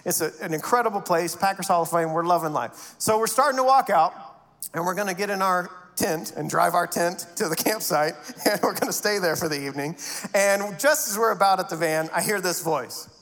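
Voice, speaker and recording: A man's voice: high voice, fairly quick, fairly bright tone. A middle-aged male pastor telling a story in his sermon, acting out the voices of the people in it. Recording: reverberant hall.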